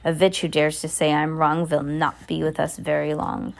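A woman's voice: low-pitched, completely flat delivery, creaky. A woman voicing a tyrannical witch villain in a storybook, ranting imperiously and spitting out contempt. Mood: menacing. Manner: imperious, ranting, spitting out insults in drawn-out emphasis. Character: tyrannical, furious Grand High Witch, screaming, contemptuous villain.

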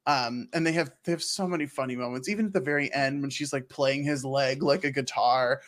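A man's voice: mid-range voice, a little fast, a bit bright. A man co-hosting a podcast in casual chat, gushing enthusiastically. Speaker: podcast co-host.

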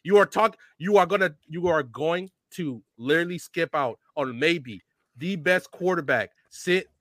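Combative high-voiced man arguing sports. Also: expressive, measured pace, a bit bright, no room sound, clean studio sound. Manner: combative, insistent, repeats himself. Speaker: sports talk panelist. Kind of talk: heated sports argument.

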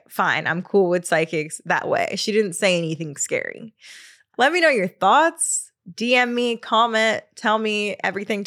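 A woman in her 30s with a medium-pitched, fairly bright voice hosts her podcast in a casual solo chat. She laughs often and tends to trail off with fillers.

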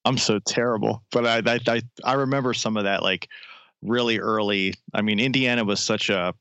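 A man's voice: on the low side, steady tone, a little fast, fairly bright tone, clean tone, dry recording, muffled recording. A forty-year-old man, a musician being interviewed, friendly and rambling, full of likes and restarts. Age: 40s. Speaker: musician guest. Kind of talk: casual interview. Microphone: phone line.

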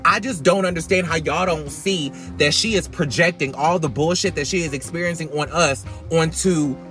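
A man giving sassy, emphatic, opinionated casual commentary as a podcast host, talking loudly as if to be heard over rain. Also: on the high side, normal speed. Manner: emphatic, sassy, swearing freely. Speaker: podcast host reviewing reality TV. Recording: iPhone recording with background music. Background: rain and music.

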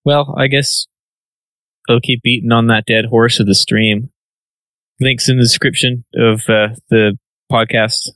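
A man's voice: medium pitch, steady tone, unhurried, long pauses, fairly bright tone, dry recording, poor audio. A man co-hosting a podcast, talking in a laid-back way about streaming. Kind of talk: casual podcast chat.

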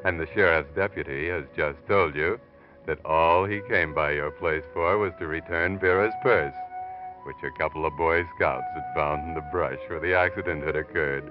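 A man with an American accent playing a sardonic, all-knowing narrator who taunts a criminal, theatrically, in 1940s radio style. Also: a bass voice. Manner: mocking, deliberate, theatrical. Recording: dull vintage radio recording.

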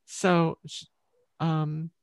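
A woman guest telling an animated personal story in an interview over a video call, acting out the voices of people in it. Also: low voice, extremely slow, smooth, dry recording. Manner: expressive, acts out quoted voices.

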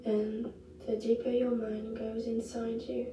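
A woman leads a guided meditation like a sleep story narrator, soothing and gentle. Her delivery is slow and hushed, with long pauses. The sound is roomy and echoing, with music behind her. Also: on the high side, level tone. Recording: roomy echo, distant mic, music behind.

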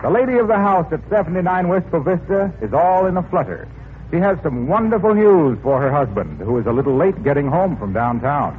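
A man's voice: a little high, lively intonation, fairly quick. Polished, emphatic male announcer, 1940s radio style, tinny broadcast with slight hiss.

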